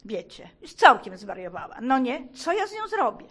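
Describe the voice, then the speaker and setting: A woman's voice: high-pitched, very animated, moderate pace, fairly bright tone, breathy edge. A middle-aged woman giving a fervent, emotional religious testimony to a congregation, repeating urgent phrases for emphasis. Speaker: testimony speaker.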